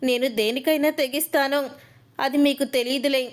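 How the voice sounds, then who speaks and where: A brazen, defiant young wife with a high voice, read by a woman telling the story. She taunts and shows no shame. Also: steady tone, moderate pace, lightly acted. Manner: taunting, unashamed.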